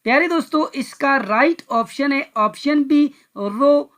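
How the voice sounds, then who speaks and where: A woman explaining English quiz questions step by step. She keeps turning back to address her viewers and reads the English lines slowly and carefully. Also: high voice, fairly bright tone. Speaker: exam-prep English teacher.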